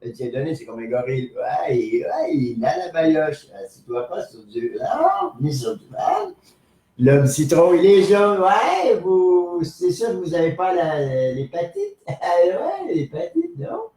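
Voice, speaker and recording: Guy doing a cranky old fool who rambles and brags, voice leaping way up squeaky all the time, roomy echoey sound. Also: big pitch swings, unhurried, mellow. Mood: rambling. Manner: rambling, insulting, squeaky pitch jumps. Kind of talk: improvised comic live stream.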